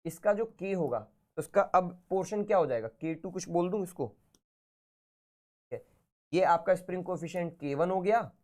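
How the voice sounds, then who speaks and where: A man with a sore, hoarse throat teaching physics in a casual, chatty live online class. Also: sits high, normal speed, a little mellow. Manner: casual, chatty, talks to students informally.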